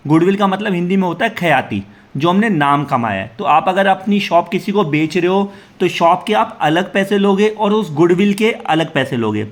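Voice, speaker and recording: A man teaching a commerce class to students. He asks the class questions and answers them himself. He reads English definitions slowly, then explains them in Hindi. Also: sits high, expressive.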